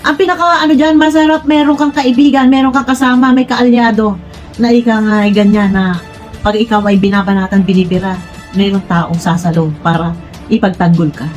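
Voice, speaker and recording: A woman's voice: mid-range voice, fairly even intonation, a little fast, darkish tone, soft background music. A blunt, frank woman talking straight to her viewers in a casual commentary vlog, rambling with many restarts. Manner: blunt, frank, says she is direct to the point. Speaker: vlogger commenting on online personalities.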